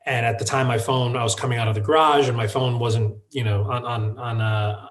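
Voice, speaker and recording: Halting male storyteller, full of fillers. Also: mid-range voice, fairly even intonation. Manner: halting, many fillers and restarts. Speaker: guest, wine shop founder. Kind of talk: conversational storytelling.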